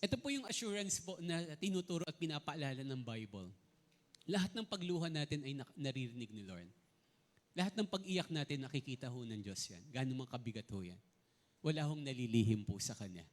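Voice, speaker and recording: A middle-aged male pastor preaching a sermon, swinging between loud emphasis and soft low asides, often checking with the congregation and mixing in English words. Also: very animated, fairly quick. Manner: asks the congregation frequent "No?" and "Naintindihan mo ba?" checks.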